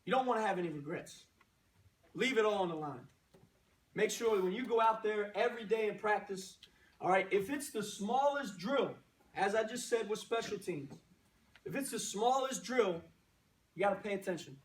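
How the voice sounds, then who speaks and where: A man's voice: sits high, lively intonation, normal speed. A man speaking as a coach, giving a motivational pregame pep speech to a team in short, punchy phrases and exhorting rhetorical questions. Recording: roomy echo, distant microphone.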